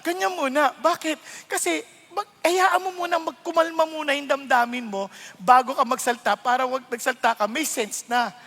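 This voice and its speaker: High bright-voiced pastor, echoing hall. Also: male voice, normal speed, gravelly. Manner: lively, playful, mixing English into preaching, acting out quarrels. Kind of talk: sermon. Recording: long reverb of a large hall.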